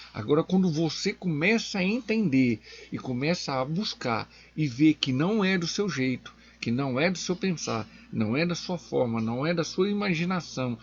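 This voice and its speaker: A deacon delivers a Bible lesson in a slow, deliberate way, his voice a little husky. He leans hard on key words and lifts his voice sharply on them. The recording sounds dull and lo-fi. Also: mid-range voice. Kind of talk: Bible teaching.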